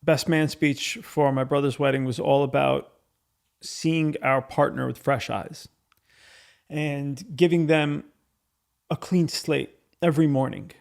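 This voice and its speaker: A man's voice: a little high, steady tone, unhurried, creaky. A man hosting a podcast, speaking in an earnest, informal, philosophical way, as in a reflective wedding toast speech. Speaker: podcast host.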